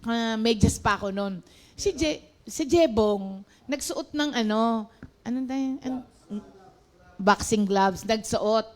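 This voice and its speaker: High-pitched female preacher, casual and talky, speaks straight to the congregation. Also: slow. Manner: chatty, mixes in English, addresses listeners as brothers and sisters. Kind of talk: conversational sermon.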